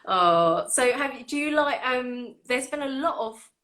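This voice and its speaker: A woman hosting a casual chat, animated and laughing often as she tells stories. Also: high-pitched, measured pace. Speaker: orchestra violinist and host.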